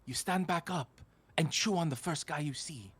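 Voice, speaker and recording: A man's voice: a little high, breathy edge. A man reading character parts in an amateur read-through, swearing and restarting his lines. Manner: slow, swearing, self-correcting. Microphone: home streaming mic.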